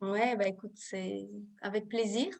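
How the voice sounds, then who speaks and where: A woman from Russia with a Russian accent, a guest explaining her work calmly in an online interview. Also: mid-range voice, measured pace, creaky. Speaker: guest, Ayurveda therapist.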